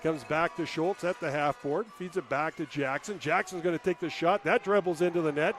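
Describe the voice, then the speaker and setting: A man calling hockey play-by-play in a rapid running call, rising to shouts on scoring chances. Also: fairly high pitch, a little hiss or hum. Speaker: play-by-play announcer.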